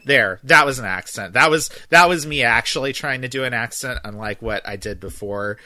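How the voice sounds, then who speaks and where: A man's voice: medium pitch, moderate pace, sharp tone, no room sound. A man co-hosting a podcast, chatting casually about retro games, sarcastic and self-mocking. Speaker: podcast co-host.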